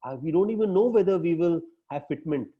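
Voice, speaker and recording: A man's voice: fairly high pitch, animated, fast talker. A man with an Indian English accent coaching his team in an emphatic way, often ending with tag questions. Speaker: business coach. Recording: dull lo-fi recording.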